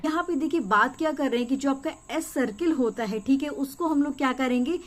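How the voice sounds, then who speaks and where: A woman's voice: sits high, a little hiss or hum. A young woman teaching beginners, explaining each step patiently and checking often that students follow. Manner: patient, repeats checks like "clear?" and "okay". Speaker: shorthand teacher.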